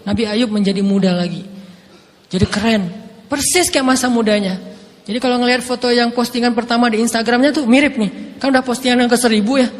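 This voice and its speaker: A man in his thirties preaching a lively sermon as a story and acting out the voices of its figures. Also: very high-pitched, quick pace, in a large hall. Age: 30s. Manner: animated, acts out quoted dialogue.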